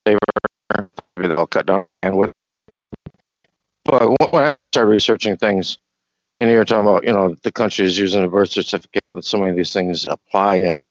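Man, low voice, halting, glitching dropout audio, dull lo-fi call line, dry. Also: dry recording. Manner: halting, with many pauses. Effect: glitching, cutting-out call audio. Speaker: guest on a video call. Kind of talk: casual chat. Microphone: online call mic.

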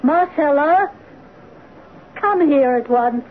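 An actress playing a cold, domineering stepmother in an old radio drama, speaking in crisp, clipped commands. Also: high voice, lively intonation, slow pace. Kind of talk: 1940s radio acting. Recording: tinny old radio broadcast with hiss.

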